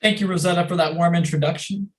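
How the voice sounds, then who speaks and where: A woman's voice: on the low side, steady tone, quick pace, close to an everyday voice. A woman playing a grandiose, villainous male failed chemist in a comic play, declaiming pompously and theatrically. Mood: smooth, evasive. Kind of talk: comic stage-play acting.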